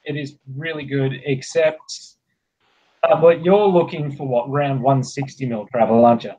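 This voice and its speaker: A man's voice: medium pitch, fairly even intonation, normal speed, warm tone, highs cut off. An Australian man chatting casually on a video call, dry and joking.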